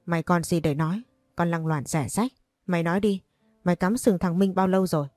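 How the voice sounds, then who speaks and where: A woman voicing a shrill, abusive old mother-in-law who rants fast, in a storybook reading. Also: fairly even intonation, a little mellow, dry recording, soft background music, natural voice. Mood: scolding. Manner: rapid, abusive ranting.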